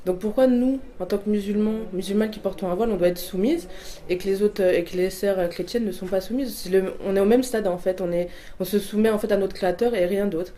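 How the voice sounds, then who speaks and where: Speaking fast in a warm, medium-pitched voice, a woman in her 20s with a Portuguese family background gives a personal testimony by answering questions. She is hesitant, with many fillers and false starts.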